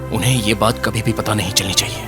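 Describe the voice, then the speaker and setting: A man's voice: lowish voice, steady tone, quick pace, over music, close to an everyday voice. A man playing an earnest, lovesick young henchman. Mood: troubled. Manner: earnest, troubled. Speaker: dub actor. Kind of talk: dubbed film dialogue. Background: film score.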